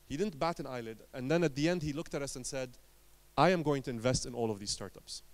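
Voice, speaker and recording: A man from Lebanon gives an entrepreneur's conference talk, narrating his story through short, forceful phrases and theatrical pauses, all in a medium pitch.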